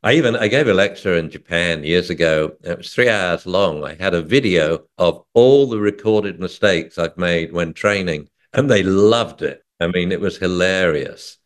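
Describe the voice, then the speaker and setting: A man, a dog trainer talking as a guest in an interview, telling lively stories and acting out voices. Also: deep voice, normal speed, few pauses. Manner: lively storyteller, acts out dog and owner voices. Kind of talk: casual interview talk.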